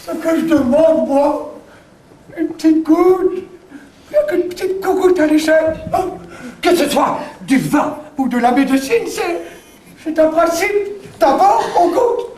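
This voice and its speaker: A man's voice: very high-pitched, lively intonation, takes it slowly, a little mellow, heavily acted. A man playing a haggling, blustering master in a theatrical stage comedy, arguing emphatically and repeating himself. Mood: haggling, insistent. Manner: emphatic, repetitive, argumentative. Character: haggling, blustering insomniac master posing as human Pollux. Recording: distant, echoey, faintly noisy stage recording.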